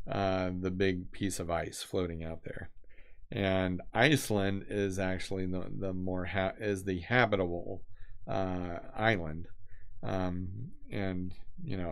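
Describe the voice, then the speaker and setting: A designer doodles on camera and chats casually in a low-pitched voice with vocal fry. He meanders from thought to thought, full of fillers and restarts.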